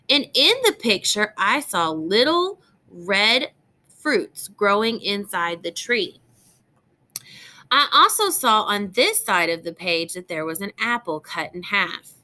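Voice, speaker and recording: Reading a picture book to a group of young children, this teacher is expressive and enunciates carefully, stopping now and then to explain and ask questions. She has a fairly high-pitched voice.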